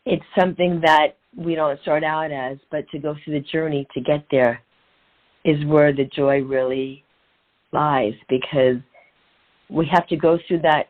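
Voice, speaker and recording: Measured in pace, low-pitched, and steady in tone, a middle-aged woman coach focused on transformation and women's empowerment shares motivational stories as an interview guest. She speaks earnestly, repeating phrases for emphasis, on a narrow, phone-like recording.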